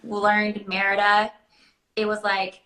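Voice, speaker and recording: This woman, a guest fielding questions about character voices, has a bright, forward, mid-range voice with a completely flat delivery. She chats loosely and haltingly, saying "like" a lot, in a room that sounds quite echoey.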